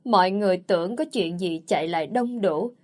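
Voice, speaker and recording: Woman, storyteller, scripted narration, even delivery. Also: lowish voice, a little fast.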